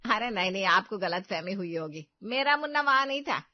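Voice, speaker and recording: A woman's voice: medium pitch, animated, fairly quick, no echo, natural voice. A woman voicing a domineering old grandmother in a cartoon who spoils her grandson and scolds her daughter-in-law. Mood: dismissive. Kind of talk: cartoon voice acting. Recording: dull dry recording.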